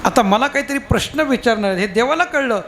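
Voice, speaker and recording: A man's voice: very high voice, expressive, fast talker, fairly bright tone. A man performing a devotional kirtan, telling a story with rhetorical questions to the crowd. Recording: tabla music behind. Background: tabla and instruments.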